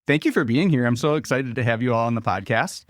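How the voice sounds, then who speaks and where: A man's voice: medium pitch, fast. Upbeat man hosting a school podcast. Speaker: high school principal and podcast host. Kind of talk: casual podcast interview.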